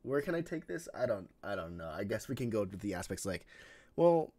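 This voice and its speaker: A man's voice: on the low side, big pitch swings, fairly quick, dark tone, no echo. Rambling young man from Chicago. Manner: rambling, many fillers and restarts. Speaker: streamer host. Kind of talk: casual live-stream chat.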